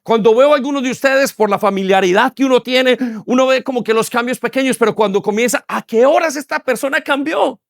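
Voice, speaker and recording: A man in his forties preaching a sermon with an emphatic, repetitive rhythm. His voice sits notably high for a man, and the sound is close and dry with almost no room echo. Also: a little fast, gravelly, few pauses. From Colombia. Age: 40s. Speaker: pastor. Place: church hall.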